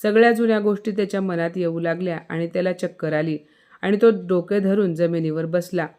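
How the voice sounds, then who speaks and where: A woman narrating a scripted moral story in a steady, measured way. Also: lowish voice, clear, resonant tone.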